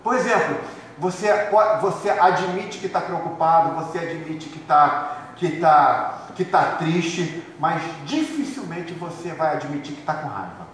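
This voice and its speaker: A man preaching a sermon as pastor, lively and conversational, acting out the voices of his congregation. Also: a little high, a little slow. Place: church hall. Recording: echoey hall, far from mic, faint noise.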